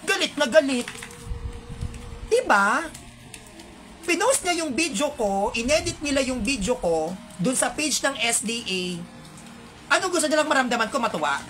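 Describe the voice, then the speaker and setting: A woman's voice: sits high, very animated, normal speed, long pauses, a bit bright, faint music behind. A woman with a Filipino accent, delivering an indignant, heated monologue to her viewers with rhetorical asides.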